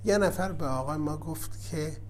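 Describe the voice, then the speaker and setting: A man giving a religious sermon, telling a story and moving from quiet asides to forceful exhortation. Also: on the high side. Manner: storytelling, swings from soft asides to emphatic exhortation. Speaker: cleric.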